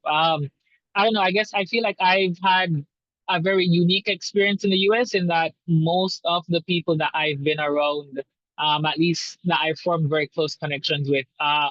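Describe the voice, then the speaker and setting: A man in his twenties from Jamaica, a doctoral student speaking as a webinar panelist in a measured, articulate way. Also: fairly high pitch, a bit bright, dry recording, highs cut off. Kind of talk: casual chat.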